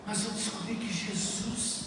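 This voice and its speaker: A man's voice: sits high, steady tone, unhurried, recorded from a distance, noisy background. A male Brazilian pastor preaching a sermon with impassioned, rising delivery, in a church hall. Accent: Brazilian Portuguese. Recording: echoey church hall from afar.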